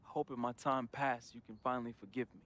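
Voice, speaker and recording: A young American man's mid-range voice, fairly even in intonation, fast and a bit bright, lightly acted over background music. He's an actor playing someone troubled and grieving who reads a farewell letter to his friend in a dramatic confessional voice-over. The delivery is emotional, slangy and heartfelt in an urban American way, with a wistful, fond mood.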